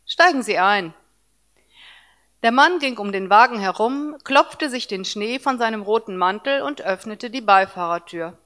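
A woman reads a first-person story aloud, narrating calmly and evenly. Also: fairly high pitch, normal speed, hardly any pauses.

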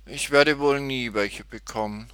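A man's voice: mid-range voice, a little slow, fairly bright tone, clear, resonant tone, no echo, pitched above the performer's own voice, close to an everyday voice. A man voicing an eager, chirpy little girl in a storybook reading. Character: cheerful little girl Tutti.

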